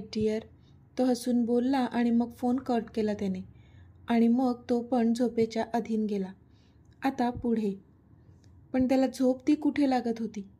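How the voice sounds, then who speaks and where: A woman's voice: on the high side, dark tone, slightly rough. A woman reading a romantic story serial aloud as narrator. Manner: reads all characters' dialogue in near her own voice.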